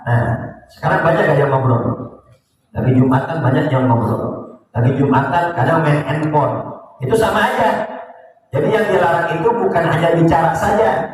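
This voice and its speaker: A man giving a lively, teasing sermon lecture in a mosque, often putting questions to the congregation. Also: on the high side, normal speed, long pauses. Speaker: ustadz teaching a kitab study. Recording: echoey mosque hall from far off.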